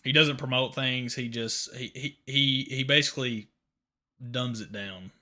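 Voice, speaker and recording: A man's voice: medium pitch, fairly even intonation, measured pace, pushed and bright. A man in his mid twenties hosting a casual live stream, chatting easily and tossing questions to viewers. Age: 20s. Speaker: livestream host.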